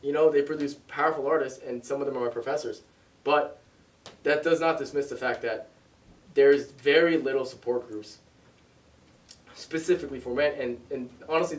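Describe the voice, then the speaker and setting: A man's voice: medium pitch, steady tone, a little fast. A man co-hosting a casual vlog, chatty and playful. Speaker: vlog co-host. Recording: roomy, distant mic, music behind.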